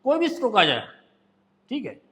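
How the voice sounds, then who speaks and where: Man, shorthand teacher, bright piercing tone, long hall reverb, patient repetition. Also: very high voice, huge pitch swings. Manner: slow, patient drilling with repeated stroke names. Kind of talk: step-by-step shorthand lesson.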